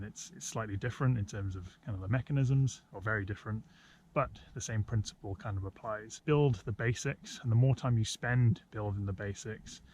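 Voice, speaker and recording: Low-voiced man explaining things, dull outdoor sound. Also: darkish tone. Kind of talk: informal explainer talk to camera. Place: outdoors on an open hillside. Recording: dull outdoor audio with noticeable ambient noise.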